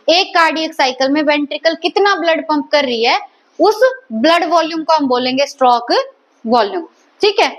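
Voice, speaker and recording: A woman's voice: sits high, a bit bright. A woman teaching a biology lecture, repeatedly quizzing her students and echoing their answers. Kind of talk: classroom lecture.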